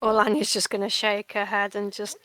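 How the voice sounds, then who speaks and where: A woman's voice: medium pitch, completely flat delivery, brisk, pushed and bright, dry recording. A woman playing a tabletop role-playing game, making wry asides. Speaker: player.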